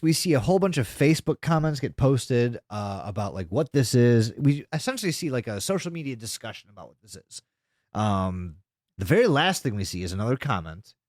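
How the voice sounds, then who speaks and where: Recorded dry with clean studio sound, a mid-range male voice co-hosts a podcast. He casually recaps a web horror series, speaking informally and emphatically with plenty of swearing.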